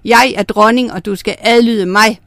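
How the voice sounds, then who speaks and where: A woman's voice: medium pitch, fairly even intonation, fairly bright tone, no room sound, lightly acted. A woman voicing a greedy, bossy fisherman's wife who scolds and makes demands in a storybook tale. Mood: commanding.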